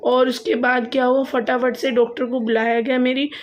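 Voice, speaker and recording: A young woman with a slightly high voice tells a personal story straight to her viewers. She talks in a loose, chatty way and keeps repeating phrases for emphasis. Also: level tone, normal speed. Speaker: vlogger. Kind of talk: casual storytelling to camera.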